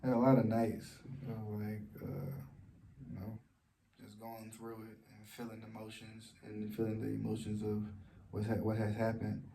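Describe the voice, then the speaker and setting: Guy vlogging real quiet, lots of ums and restarts, super flat monotone, dark mellow sound. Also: vocal fry, a little hiss or hum. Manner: speaks softly and low; halting, with many fillers and restarts. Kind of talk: personal vlog, sharing a story of loss.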